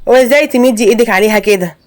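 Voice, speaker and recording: A protective young husband from an animated Egyptian story, as a woman narrator plays him. He speaks firmly and quickly with an Egyptian accent, worn out with his mother. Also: fairly high pitch, close to an everyday voice. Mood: exasperated. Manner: firm, exasperated.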